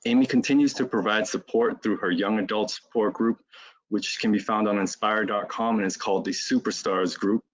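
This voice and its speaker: A man with a fairly low voice reads out the welcome notes and speaker bio for an online panel, pausing on "um"s between sentences. The sound is dull and lo-fi, like webinar audio. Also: fairly even intonation. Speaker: webinar organizer introducing the panel. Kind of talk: scripted webinar introduction.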